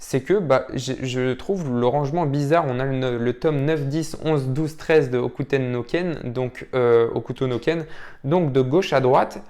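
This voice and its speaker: A man's voice: medium pitch, a little slow, a little mellow. A manga YouTuber, a man, casually commenting on viewers' purchases, rambling with lots of fillers. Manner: rambling, many fillers and "voilà".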